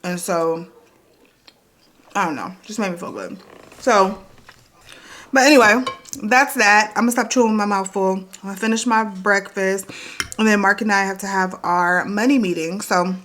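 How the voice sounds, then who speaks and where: A woman's voice: medium pitch, fairly even intonation, normal speed, fairly bright tone, a little hiss or hum. A woman, chatting upbeat to camera at her kitchen table in a casual vlog, repeating herself as she goes. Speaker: vlogger.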